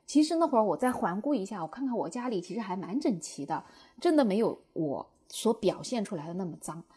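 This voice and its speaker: A young woman telling viewers a personal story in a lively way, acting out her own past outbursts. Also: medium pitch, brisk, breathy edge. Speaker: short-video creator.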